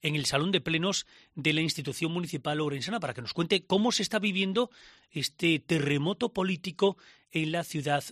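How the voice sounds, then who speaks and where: A man's voice: fairly high pitch, a bit bright, no echo. A man presenting live radio news from a studio, delivering with emphasis and the odd filler. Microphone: studio microphone.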